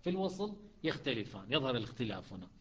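A man teaching a Quran recitation class, chanting verses slowly between quick spoken explanations. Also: medium pitch, sing-song, fairly bright tone. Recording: dull lo-fi audio.

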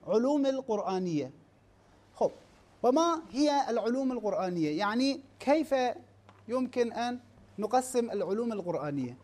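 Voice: medium pitch, lively intonation, darkish tone. A teacher giving a classroom lecture, often stopping to ask the class questions and restarting words as he or she lists terms. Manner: asks rhetorical questions and checks in with "ha?"; halting, restarts words, spells out lists slowly.

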